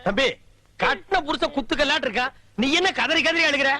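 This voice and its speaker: A sharp-tongued, mocking scold. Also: male voice, extremely high pitch, expressive, a little fast, heavy background noise. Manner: loud, sarcastic scolding. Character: sharp-tongued mocking man, quick to insult. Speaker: comic film character. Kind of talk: comedic film dialogue.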